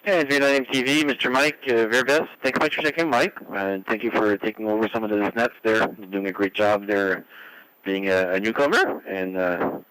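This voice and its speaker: A man's voice: on the low side, normal speed, a bit bright, dry recording, poor audio. A courteous man acting as net control on an amateur radio check-in net, spelling callsigns phonetically over the radio. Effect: amateur radio transmission. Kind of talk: formal radio check-in procedure, friendly acknowledgements.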